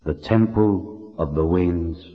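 A man voicing the spirit of an ancient male ancestor, speaking slowly and solemnly in riddles. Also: deep voice, in a large hall, highs cut off, faint music behind.

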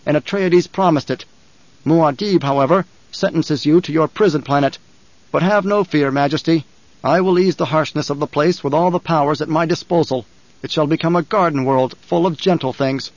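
A man voicing a composed young male leader who speaks in a measured, commanding way. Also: fairly high pitch, no room sound, close to an everyday voice. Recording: dull, dry studio recording.

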